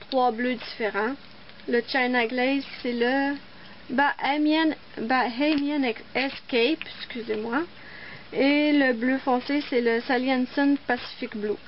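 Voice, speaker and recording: High-voiced woman demonstrating nail art. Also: muffled recording, slight background noise. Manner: chatty, explains while working. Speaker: nail art tutorial host. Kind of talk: casual step-by-step tutorial.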